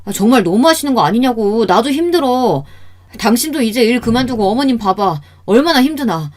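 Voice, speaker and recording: A woman's voice: medium pitch, lively intonation, normal speed, warm tone, slightly rough. A woman voicing an exasperated middle-aged son-in-law in a radio story, sighing and pleading as he complains. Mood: complaining.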